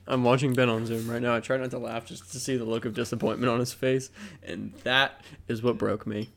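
A young man co-hosting a podcast over a video call, teasing with crude jokes and deadpan asides. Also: medium pitch, a little fast, creaky. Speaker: podcast co-host. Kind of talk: casual chat.

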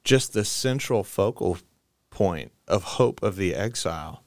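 A man co-hosting a podcast, retelling scripture with casual slang and quick paraphrases of what the characters say. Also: low-pitched, animated, gravelly, darkish tone, dry recording, studio quality. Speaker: podcast co-host. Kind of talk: casual Bible study discussion.

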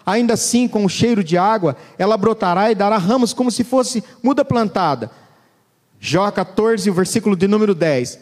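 A man preaching a sermon in a church, turning from loud emphasis to hushed, low words as he reads scripture. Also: animated, normal speed. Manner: dramatic, swings between loud and hushed low voice. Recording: long church reverb.

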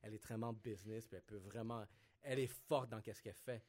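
A man's voice: lowish voice, steady tone, fast, a little mellow. Laid-back guy hosting his podcast, telling a story, drops english slang. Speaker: podcast host. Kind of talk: casual podcast chat.

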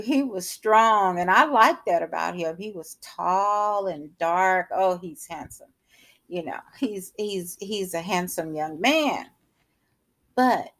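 Slow, earnest woman preaching. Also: medium pitch. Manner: slow, earnest, repeats phrases for emphasis. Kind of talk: devotional sermon.

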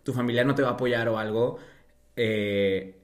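A man's voice: medium pitch, fairly even intonation, moderate pace. A young Mexican man chatting casually as a podcast guest, telling stories expressively with slang and acted-out dialogue. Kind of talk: casual chat, animated storytelling.

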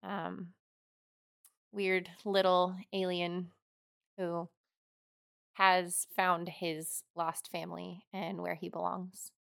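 A woman's voice: fairly low pitch, flat delivery, takes it slowly, vocal fry, long pauses, a bit bright, smooth, dry recording, clean studio sound. A young woman from Oregon, a podcast co-host, chatting in an easygoing way with lots of ums. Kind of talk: casual chat.

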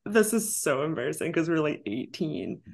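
A woman's voice: deep voice, big pitch swings, fairly quick, gravelly, darkish tone. A young woman in her twenties hosting a casual podcast chat, giggling often and saying "like" constantly. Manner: giggly, says "like" a lot. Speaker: podcast host.

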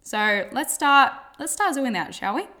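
A woman's voice: high-pitched, big pitch swings, measured pace, sharp tone. A woman hosting a casual motivational podcast, speaking informally and emphatically with repeated phrases and casual swearing, and pronouncing her R's like W's. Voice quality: cannot pronounce R's properly, r sounding like w. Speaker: podcast host and coach.

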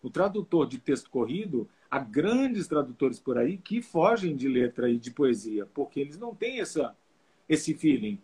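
Husky, hesitant man explaining lyric translation. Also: medium pitch, big pitch swings, normal speed, warm tone. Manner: rambling, hesitant, with many restarts. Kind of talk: casual video call interview.

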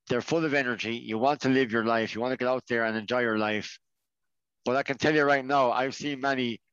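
A man's voice: mid-range voice, fairly bright tone, dry recording. An Irish man talking earnestly as a podcast guest, often restarting his sentences. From Ireland. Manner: earnest, many restarts and fillers. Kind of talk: casual conversation. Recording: dull, dry sound.

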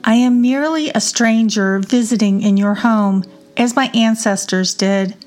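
A woman reading psalms aloud in a measured devotional reading. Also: fairly high pitch, darkish tone. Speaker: scripture reader.

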